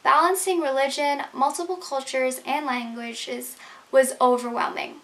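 A young adult Canadian woman whose first language is Urdu speaks in a high, somewhat bright voice. Indoors in her bedroom, she earnestly explains a prepared talk to the camera.

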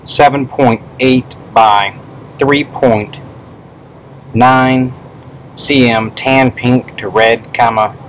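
A man dictates a clinical report at a slow, deliberate pace, voicing each punctuation mark. His voice sits at a middling male pitch, with steady room noise behind it. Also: rough recording. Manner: measured dictation, speaking punctuation aloud. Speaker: pathology specimen prosector.

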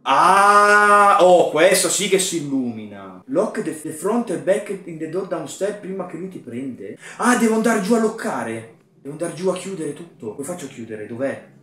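A young man commenting on a horror game as he plays, muttering quietly to himself and yelling when something startles him. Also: fairly high pitch, sing-song, normal speed, echoey room. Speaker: gaming YouTuber.

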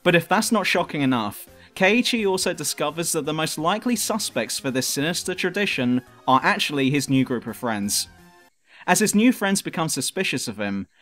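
As presenter of a countdown video, a man reads scripted review narration in a dramatic, emphatic way. His voice is on the high side and a bit bright, with music in the background.

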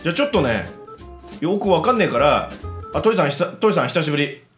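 Excitable man doing game commentary. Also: a little high, quick pace. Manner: chatty, excitable, talking to himself while playing. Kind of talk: casual let's-play commentary. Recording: roomy echo with background music.

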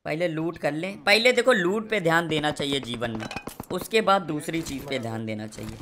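A man's voice: on the high side, bright, forceful tone, a little hiss or hum. A young man streaming a game and doing sponsored commentary, with crude, rowdy, teasing banter. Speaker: gaming streamer.

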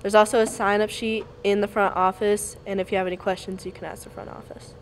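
A teenage girl co-reading school morning announcements, cheerful and giggly, reading the notices in a steady way. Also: medium pitch, fast, a little hiss or hum. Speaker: student co-announcer.

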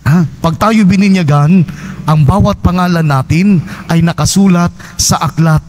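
Filipino priest preaching in conversational tags. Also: male voice, high-pitched, moderate pace, a little mellow. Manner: conversational preaching, frequent tag questions. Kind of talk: homily at Mass. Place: large church.

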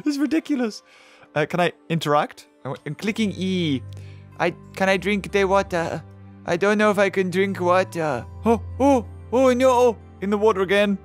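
A young gaming video host with a sore throat casually comments on the game he's playing, reacting aloud to what happens on screen. His voice sits high and sounds rough and hoarse from the sore throat, moving at normal speed over soft background music.

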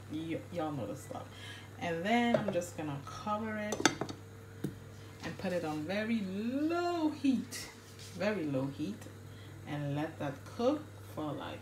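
A Haitian woman cooking in her home kitchen, chatting casually to viewers and filming on a phone held in one hand. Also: lowish voice. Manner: chatty, rambling asides to viewers. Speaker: cooking vlogger. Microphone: phone camera held in one hand. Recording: echoey kitchen, stove and pot noise.

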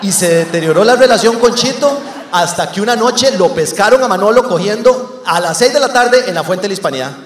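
Crude Costa Rican stand-up comic, high voice. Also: male voice, a little fast, roomy sound, big-room sound. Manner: crude, swearing storyteller, animated. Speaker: comedian. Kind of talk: stand-up comedy.

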